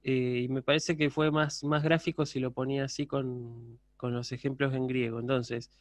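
A man's voice: mid-range voice, flat delivery, normal speed, no room sound. A man teaching a university class online, explaining patiently and often checking that students follow. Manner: patient, explanatory, checks understanding with frequent questions.

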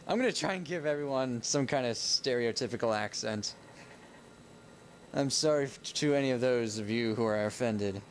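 A man's voice: mid-range voice, normal speed. Young man, game commentary, rambling, self-correcting, noisy home recording. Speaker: let's play gamer. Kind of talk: casual gameplay commentary.

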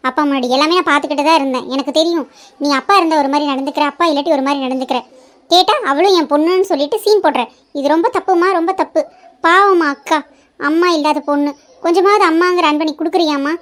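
A woman's voice: sits high, fairly even intonation, rapid-fire, natural voice. A woman voicing a spirited young woman who scolds her mother and defends her elder sister in a cartoon. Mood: indignant. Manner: indignant, earnest, protective. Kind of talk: cartoon voice acting.

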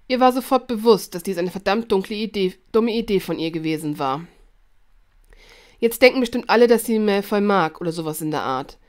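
Female narrator for a fan audiobook; lively read-aloud with small slips. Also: mid-range voice. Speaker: fan fiction reader.

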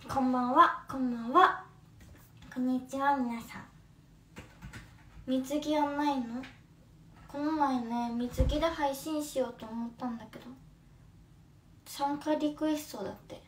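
Young woman, Kumamoto accent, high voice, chatty livestream, echoey room, distant phone mic. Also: steady tone, unhurried, long pauses, a little mellow, a little hiss or hum. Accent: Kumamoto dialect. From Kumamoto, Japan. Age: 20s. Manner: chatty, friendly, with many fillers. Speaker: livestream host. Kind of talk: casual livestream chat reading comments.

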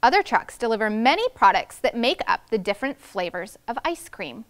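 Animated, high-voiced woman teaching young children. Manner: instructional, deliberate enunciation of big words. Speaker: first grade teacher. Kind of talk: read-aloud lesson for young children. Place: indoors in a classroom.

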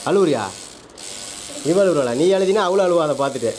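A man with a Tamil Nadu accent chatting quickly in a family vlog at a salon, coaxing his small child. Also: a little high, lively intonation, crowd noise. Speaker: family vlogger, father. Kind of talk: casual family vlog chat. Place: tattoo and beauty salon, indoors.

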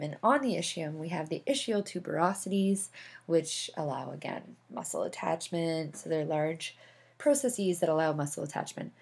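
A woman's voice: deep voice, vocal fry, slightly rough. A woman instructor explaining anatomy over slides, with casual asides and fillers. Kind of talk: recorded slideshow lecture.

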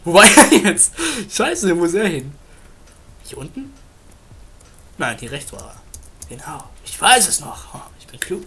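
A man's voice: sits high, sing-song, a little slow, long pauses, bright, forceful tone, husky. A man giving casual, playful gameplay commentary as a Let's Play host, chatting and humming along while he plays.

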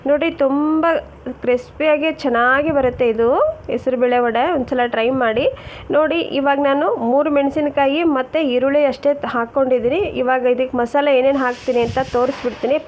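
Woman, slightly high voice, friendly chatty cooking-channel host; dull lo-fi home-kitchen recording. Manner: chatty, keeps calling viewers friends and urging them to look. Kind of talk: casual cooking demonstration. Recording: dull lo-fi sound with faint noise.

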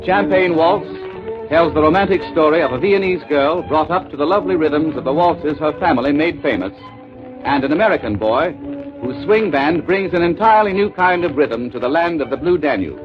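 A man's voice: a little high, animated, a little fast. A male announcer giving scripted promotional narration, heard as an old 1930s radio broadcast. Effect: old 1930s radio broadcast sound. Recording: dull lo-fi 1930s radio recording with music.

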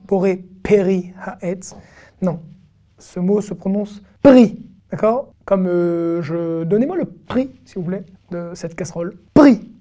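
A woman giving an online language lesson, speaking in a slow, deliberate rhythm. Her tone is mellow and dark rather than bright, and she patiently repeats syllables and words so learners can follow. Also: on the low side. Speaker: Hebrew teacher. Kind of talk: online lesson, explaining and demonstrating pronunciation.

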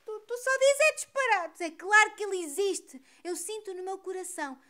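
A woman's voice: very high voice, lively intonation, moderate pace, sharp tone, heavily acted. A woman voicing a whiny, tearful little girl in a puppet show. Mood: upset. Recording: noisy background.

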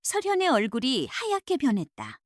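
A woman's voice: high voice, wildly swooping pitch, normal speed, no room sound, clean studio sound. A woman narrating a scripted Korean folktale as the channel's storyteller.

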